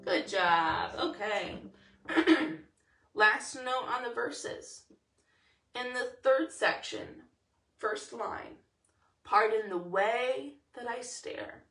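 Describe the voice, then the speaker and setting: A woman's voice: on the high side, lively intonation, gravelly, fairly bright tone, recorded from a distance, soft background music. A woman teaching a singing lesson, explaining each step and singing the lines to demonstrate. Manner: explains slowly, then demonstrates sung lines. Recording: roomy, from the mic, with ukulele.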